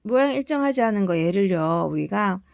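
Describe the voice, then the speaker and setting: Gravelly-voiced woman teaching grammar. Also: medium pitch, lively intonation, brisk, a little mellow, dry recording, highs cut off. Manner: patient, explains step by step, asks rhetorical checks. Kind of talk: recorded lesson lecture.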